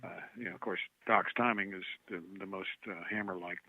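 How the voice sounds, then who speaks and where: A man on a phone call, telling rambling, animated stories and losing track of names along the way. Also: low voice, fairly quick, no room sound. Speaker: guest musician on a call. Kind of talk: casual phone chat. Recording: tinny dry phone line.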